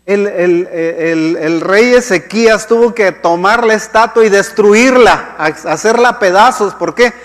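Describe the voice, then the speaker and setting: A man with a fairly high voice delivers a sermon in a loose, conversational way. He repeats words as he searches for them and keeps checking in with his listeners. His voice rings out with the long reverb of a church hall. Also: measured pace, few pauses. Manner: conversational, many restarts and "¿sí?" checks, acts out quoted complaints. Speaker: pastor.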